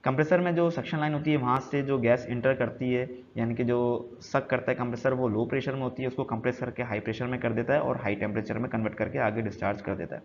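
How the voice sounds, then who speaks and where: A man teaching a technical lesson from slides, explaining slowly and repeating key points, switching between Hindi and English terms. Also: mid-range voice, fairly even intonation. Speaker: HVAC instructor. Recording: dull lo-fi sound with faint noise.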